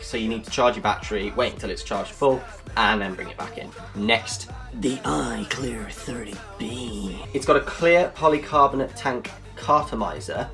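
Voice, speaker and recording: A man's voice: medium pitch, fairly bright tone. A man giving a casual, jokey product review, explaining things step by step.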